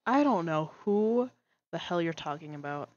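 A woman's voice: lowish voice, lively intonation, normal speed, a little mellow, no echo, muffled recording, close to an everyday voice. A woman playing an irritable, sarcastic, foul-mouthed schemer with a snappy manner in an improvised Minecraft drama. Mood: irritated, defensive. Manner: exasperated, snappy.

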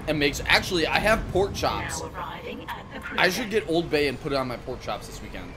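A man's voice: a little high, expressive, moderate pace, over music. A man with a Minnesotan accent chatting casually and profanely while streaming a video game, often laughing and musing aloud. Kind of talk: casual live-stream chat while gaming.

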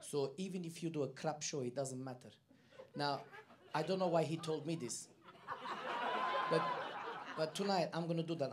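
A male comedian with a put-on Armenian accent, doing live stand-up in broken, halting English on a comedy club stage. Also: fairly high pitch, a little mellow. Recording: live club recording with crowd and piano. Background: audience laughter and piano.

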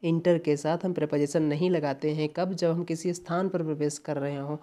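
A woman's voice: low voice, steady tone, normal speed, dark tone. A woman with an Indian accent teaching an exam-prep English lesson, explaining patiently and repeating words to check understanding.

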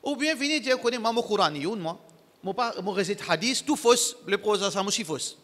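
A man preaching to his congregation, emphatic and repetitive, in broken, halting phrasing. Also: high-pitched, lively intonation, bright, forceful tone, big-room sound. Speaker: Islamic preacher. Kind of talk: sermon to a congregation.

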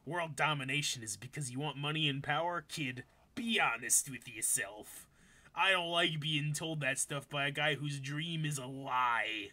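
A man voicing a grim adult male comic-book villain in a slow, low, mock-dramatic reading. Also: pushed and bright. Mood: scornful.

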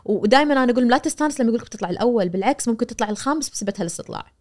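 She speaks very fast: a media professor from Kuwait, in her forties, guesting on a podcast and explaining with animated gestures. Her Kuwaiti Arabic accent comes through as she mimics the voices of people she quotes. The sound is from a studio boom-arm mic.

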